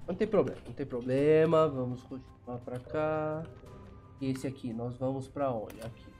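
A young man with a Brazilian Portuguese accent doing chatty let's play commentary, talking to viewers and breaking into sudden excited shouts. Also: medium pitch, normal speed, faint music behind. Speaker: gameplay channel host.

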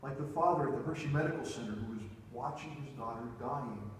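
A man's voice: mid-range voice, a little fast, a little hiss or hum. Middle-aged male pastor, storytelling sermon, distant mic in a big reverberant sanctuary. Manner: storytelling, moves about the stage with wide gestures. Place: church sanctuary, large indoor room. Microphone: distant room mic, preacher away from the camera. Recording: echoey church hall heard from far off.

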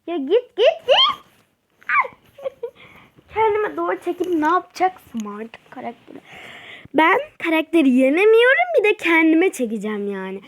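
A woman hosting her own gaming channel, giving chatty, excitable let's-play commentary and crying out during the game. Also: very high voice, moderate pace, a little hiss or hum.

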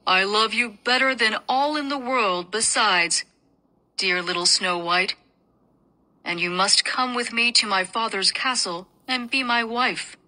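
A woman's voice: fairly high pitch, measured pace, pushed and bright, rough recording. A woman reading a tender young prince. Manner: earnest, pleading.

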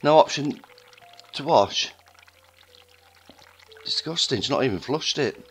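A man's voice: mid-range voice, lively intonation, takes it slowly, a bit bright, husky. A man giving wry, joking commentary while playing a video game. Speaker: gaming YouTuber. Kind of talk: let's play commentary. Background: game music.

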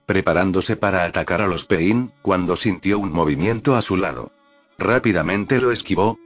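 Brief: a low-voiced male narrator reading fan fiction steadily over faint background music. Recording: dull lo-fi audio with faint music.

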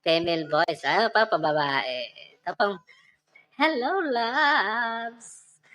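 A man's voice: high-pitched, animated, slow, pushed and bright, pitched above the performer's own voice, heavily acted. A man speaking through a female-voice changer effect on his sound card, playful and giggling.

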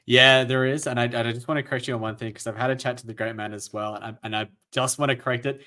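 A man's voice: medium pitch, steady tone, fast talker, sharp tone. A man, a panelist in a casual chat, earnestly explaining strategy with a few restarts. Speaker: fantasy football panelist.

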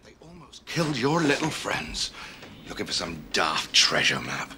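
An actor playing a jovial but menacing pirate ship's cook, theatrical and mock-polite. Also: male voice, on the low side, huge pitch swings, normal speed. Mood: sly. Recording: film audio with background noise.

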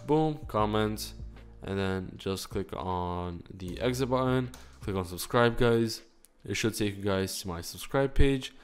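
A young man hosting a casual screen-recorded game tutorial, upbeat and quick, saying "guys" all the time. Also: on the low side, clear, resonant tone, soft background music. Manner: upbeat, fast, says "guys" constantly. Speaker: channel host.

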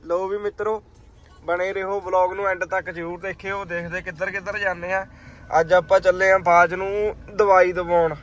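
A man's voice: high-pitched, fairly bright tone, highs cut off, a little hiss or hum. A man from Punjab, India, chatting casually to his vlog viewers from inside a car and coaxing a small child to talk. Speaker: vlogger.

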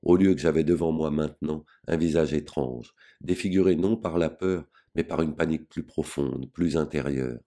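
A man reading a novel aloud as an audiobook in a measured, grave first-person narration. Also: rumbling low, warm tone. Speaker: audiobook reader.

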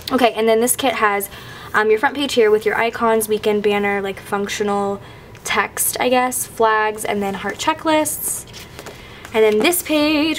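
Still recovering from illness and losing her voice, a woman in her twenties gushes through a casual haul of planner stickers at a table, shot from an overhead camera showing only her hands. She talks fast and full of fillers, her mid-range voice carrying a little hiss or hum.

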